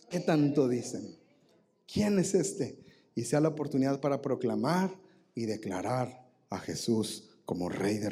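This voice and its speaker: Animated Mexican pastor, mellow voice. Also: male voice, a little high. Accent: Mexican Spanish. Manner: animated, leads the congregation to read aloud and shout. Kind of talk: live sermon. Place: church sanctuary.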